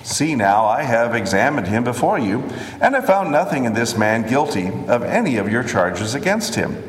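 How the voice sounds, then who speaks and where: A man voicing a stern, uneasy Roman governor during a measured scripture reading, in an echoey hall. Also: mid-range voice, sing-song, a little hiss or hum, lightly acted. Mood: questioning. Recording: echoey hall with long reverb.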